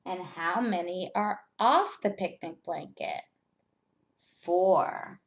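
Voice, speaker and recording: A woman teacher giving a step-by-step math lesson to young children, speaking in simple, deliberate phrases and putting questions to the learners. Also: fairly low pitch.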